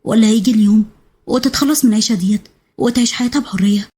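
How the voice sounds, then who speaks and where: A woman with an Egyptian accent narrating a dramatic serial story in a breathless, rushing manner. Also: a little high, dark tone, slightly rough. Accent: Egyptian Arabic.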